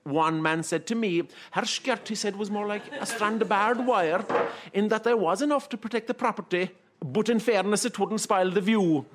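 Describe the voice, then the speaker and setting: A man's voice: high-pitched, normal speed, noisy background. A man with an Irish accent from Kerry tells folksy comic tales in the lilting manner of a traditional storyteller. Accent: Irish, County Kerry.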